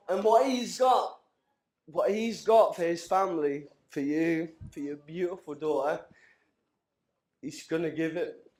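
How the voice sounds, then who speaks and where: Slow and pausing often, this man in his thirties gives a tipsy, emotional best man speech that wanders, with laughter between lines. His fairly high voice is a little mellow and echoes around the wedding reception hall.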